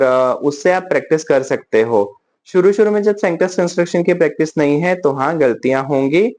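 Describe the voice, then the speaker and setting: Hindi-speaking man teaching English slowly. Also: on the high side, darkish tone. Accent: Indian English. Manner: slows down to model English sentences, frequent "theek hai?" check-ins. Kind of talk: casual spoken-English lesson in Hindi.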